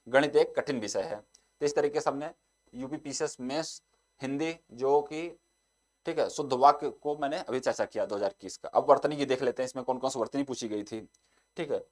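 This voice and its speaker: Young man, teacher, exam-prep lesson, repeats the same filler, reads examples slowly, mid-pitched voice. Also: darkish tone.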